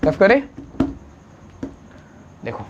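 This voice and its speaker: A man teaching a science lesson, constantly asking the class questions and answering them himself, urging students to write fast and mixing English unit names into his talk. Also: dull audio, background noise. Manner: urges students to write quickly, calls them friend.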